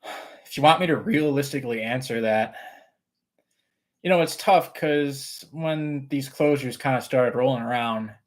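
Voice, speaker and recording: An unhurried man with a medium-pitched voice hosts a rambling, easygoing live stream, chatting casually and answering viewer questions. He has trouble with his R's, which come out sounding like W's.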